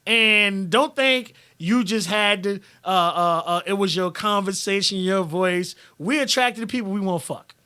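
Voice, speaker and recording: A man's voice: high-pitched, unhurried, hardly any pauses, smooth. A man hosting a live stream, reading viewer comments and talking bluntly with lots of swearing. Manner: blunt and profane, animated.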